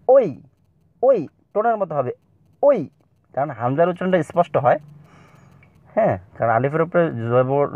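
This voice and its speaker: A man's voice: a little high, no room sound. A man teaching an online Quran reading lesson, sounding out syllables one by one and asking listeners to repeat after him. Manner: drills syllables aloud, pausing for listeners to repeat. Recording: tinny phone-like dry recording.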